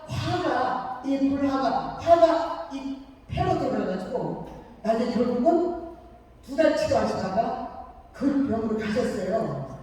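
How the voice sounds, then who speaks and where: Woman pastor preaching in an echoing hall. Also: high-pitched. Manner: lively storyteller who acts out each person's words. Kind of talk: sermon with a personal story. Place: church revival meeting. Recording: echoey church hall, mic far off.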